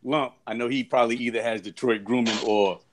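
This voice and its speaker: A man trades playful, teasing banter with friends on a live stream panel. His chat stays casual and relaxed. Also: medium pitch, brisk, a little hiss or hum.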